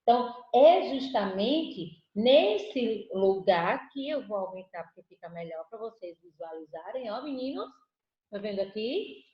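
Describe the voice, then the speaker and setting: A woman's voice: mid-range voice, lively intonation, measured pace. A Brazilian Portuguese-speaking woman teaching an online lesson, patiently asking the class questions and answering them herself. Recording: echoey room, dull lo-fi audio.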